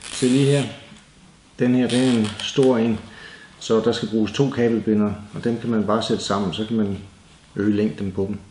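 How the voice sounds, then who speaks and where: In an echoey space with faint background noise, a Danish DIY presenter casually talks viewers through a hands-on tutorial, keeping his explanations plain and simple. He speaks on the low side, in a level, dark tone.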